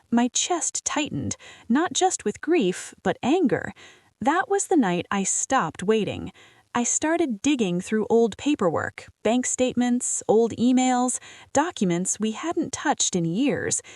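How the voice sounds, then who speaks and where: A woman's voice: fairly high pitch, a little mellow, no room sound, studio quality. A woman narrating a scripted, emotional first-person story as a storyteller.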